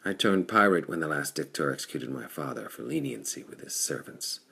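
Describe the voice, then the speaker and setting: A man's voice: a bass voice, sing-song, brisk, vocal fry, sharp tone, husky, exaggerated voice. A man reading the lines of a bold adult male pirate chief who speaks in an earnest, determined way.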